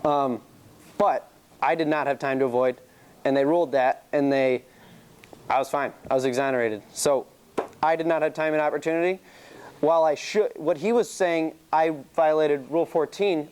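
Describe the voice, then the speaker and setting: A young man leads a casual classroom chalk-talk, his voice sitting a bit high and coming through smooth and clean. He talks loosely, tells stories from his own experience and laughs easily. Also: fairly even intonation, moderate pace, a little mellow. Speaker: sailing team presenter.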